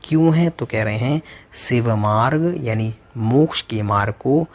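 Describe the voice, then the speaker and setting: A man teaching as a religious lecturer, chanting verses slowly and then explaining them with rhetorical questions. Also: mid-range voice, a little mellow. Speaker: Jain teacher. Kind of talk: scripture recitation and explanation.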